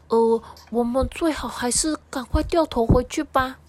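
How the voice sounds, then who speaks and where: A woman's voice: moderate pace, a little mellow. A woman voicing a timid, worried little goldfish that stammers, while reading a picture book aloud. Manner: fretful, stammering, high and pleading.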